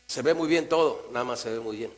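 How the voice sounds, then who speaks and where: Mexican-accented male pastor, mid-pitched, conversational preaching that swings quiet to emphatic, low electrical hum under it. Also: fairly quick, rough recording. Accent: Mexican Spanish. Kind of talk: sermon. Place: church. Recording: mains hum in the background.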